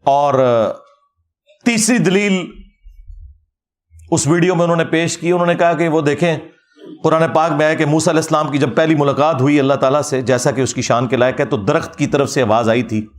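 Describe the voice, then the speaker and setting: A man giving an animated, mocking religious rebuttal lecture as a preacher. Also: fairly high pitch, normal speed. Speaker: Islamic preacher.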